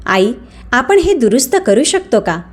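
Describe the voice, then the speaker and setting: A woman's voice: a little high, sing-song, a little slow. A woman voicing an angry, demanding grown son in a narrated story. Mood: pleading.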